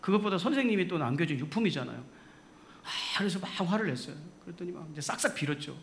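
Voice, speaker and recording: A man pastor preaching a sermon, telling a story in an animated way and laughing along. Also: high voice, fast talker, gravelly, a little hiss or hum. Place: church sanctuary.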